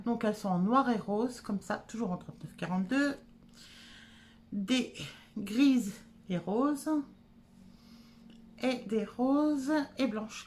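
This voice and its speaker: A woman's voice: fairly high pitch, a little mellow, slight background noise. A woman chatting casually at home through a shopping haul, with lots of hesitations. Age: adult. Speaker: haul vlogger. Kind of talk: casual product haul chat.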